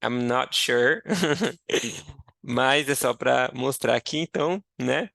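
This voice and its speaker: Slow, gravelly man teaching. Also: medium pitch, a bit bright, no room sound. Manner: slow and explanatory, switching between Portuguese and English. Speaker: English teacher. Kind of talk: teaching a language lesson.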